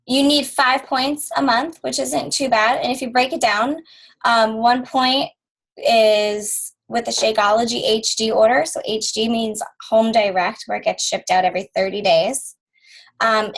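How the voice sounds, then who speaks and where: A woman co-hosting a team conference call, upbeat and chatty, quick to get excited. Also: fairly high pitch, low-quality recording.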